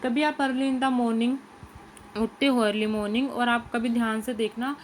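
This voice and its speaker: A woman with a fairly high, fairly even voice explains a lesson to small children, slowly reading every English line before asking and answering her own questions in Hindi. The recording is low quality, with a little hiss or hum.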